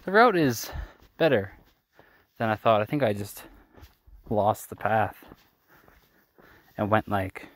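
A man's voice: lowish voice, sing-song, slow, pauses often. A young Canadian man vlogging on a phone while walking a desert trail at night, rambling and mocking himself, tired from the hike. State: tired, a bit out of breath from hiking. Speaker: travel vlogger. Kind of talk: casual night hike vlog. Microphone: phone held while walking.

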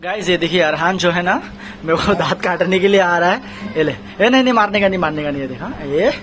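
A man's voice: high voice, fast talker. A young man chatting casually in a family vlog, playfully teasing his baby son. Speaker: family vlogger. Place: small home during rain. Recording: noisy phone recording.

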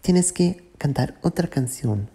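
A woman's voice: deep voice, expressive, slow, warm tone, slightly rough, heavily acted. A woman voicing a secretive teenage girl in a plain read-aloud way. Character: secretive teenage girl hiding her identity.

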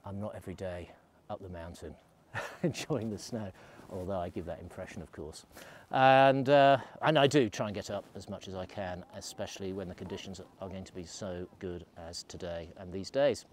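A man's voice: low voice, normal speed, slight background noise. Chatty man on a ski slope. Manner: chatty, rambling asides. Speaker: ski resort vlogger. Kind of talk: casual vlog while skiing. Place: outdoors on a snowy ski slope. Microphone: selfie camera at arm's length.

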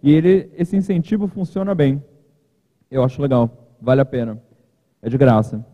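A man's voice: mid-range voice, expressive, normal speed. A man giving a casual, joking keynote at a podium in a large conference hall. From Brazil. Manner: chatty, informal, joking asides. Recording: reverberant hall, thin lo-fi sound.

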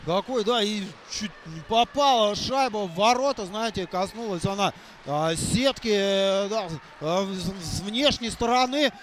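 A man doing live hockey play-by-play, halting and repeating phrases for emphasis. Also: sits high, a bit bright, a little hiss or hum. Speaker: hockey commentator. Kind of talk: live play-by-play sports commentary.

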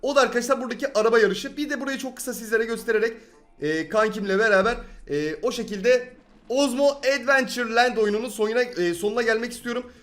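A young man giving excited let's-play commentary on a game, addressing viewers and repeating his exclamations when he gets frustrated. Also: very high-pitched, fast talker. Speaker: gaming YouTuber.

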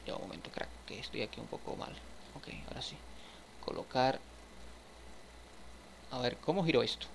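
A man's voice: medium pitch, expressive, moderate pace, creaky, long pauses, a little hiss or hum. A man giving casual gameplay commentary, chatting to his viewers as he furnishes a house in a game. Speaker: gaming streamer.

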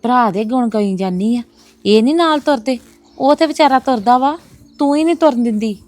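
A woman's voice: sits high, brisk, natural voice. An actress playing a proud woman who insists on defending her brother and his family in a domestic drama. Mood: muttering, resentful. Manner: earnest, insistent, repeating "no, no, sister". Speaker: actress in a web series.

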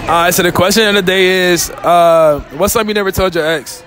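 A man's voice: high-pitched, fairly even intonation, fairly quick, over music, crowd noise. A teenage man hosting a casual street interview in a shopping mall, teasing and joking with the people he asks. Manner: joking, teasing, laughs often. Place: large indoor shopping mall. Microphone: handheld phone. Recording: noisy mall ambience.

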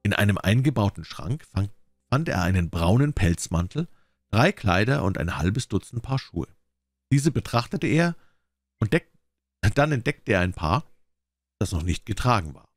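A man reading a classic detective story aloud in an expressive storytelling manner. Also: fairly low pitch, normal speed, no echo. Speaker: audiobook reader.

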